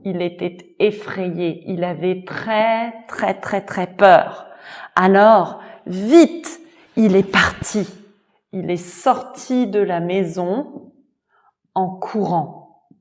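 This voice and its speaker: A woman telling a folk tale slowly and expressively for French learners, repeating key words. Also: mid-range voice. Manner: very slow, repetitive, expressive. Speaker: storyteller and language teacher. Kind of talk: slow storytelling for French learners.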